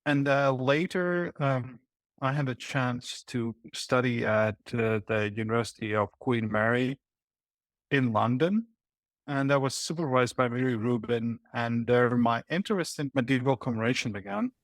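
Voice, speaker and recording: A man from Latvia, in his forties, speaks in a mid-range voice. He answers interview questions thoughtfully, pausing on fillers and restarting sentences. The sound is dry and close. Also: medium pitch, no room sound. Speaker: guest historian.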